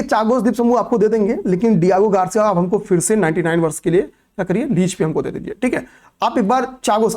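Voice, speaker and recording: Here a Hindi-speaking male coaching teacher, high-pitched and a little mellow, lectures on current affairs. He goes over material repeatedly, supplies answers to questions he poses, and checks in with "okay, pay attention."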